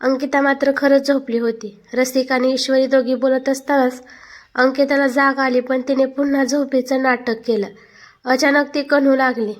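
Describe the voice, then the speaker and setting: A woman's voice: high voice, normal speed. A woman narrating a family story, reading every character's lines herself. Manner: reads all characters' dialogue in one steady narrating voice.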